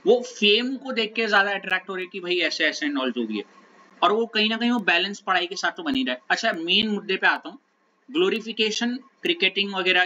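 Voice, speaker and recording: High, bright-voiced male teacher. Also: highs cut off, slight background noise. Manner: conversational, keeps checking students follow. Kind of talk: classroom talk, lecture digression.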